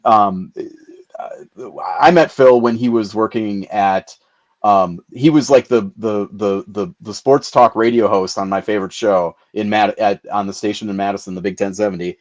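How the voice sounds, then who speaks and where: A man's voice: on the low side, measured pace, darkish tone, highs cut off. A man hosting a casual interview, rambling through questions with many restarts. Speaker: host.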